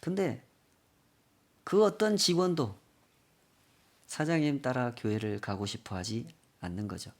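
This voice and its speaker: A man's voice: mid-range voice, unhurried, long pauses. A male pastor preaching a sermon, telling a story with acted quotes and rhetorical questions.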